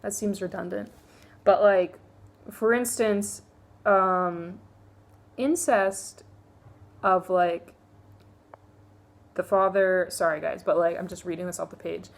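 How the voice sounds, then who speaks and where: A woman's voice: on the low side, steady tone, takes it slowly, vocal fry, pauses often. A young woman casually reviewing books, chatty and candid, with lots of fillers and offhand asides. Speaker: book reviewer. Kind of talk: casual book review vlog.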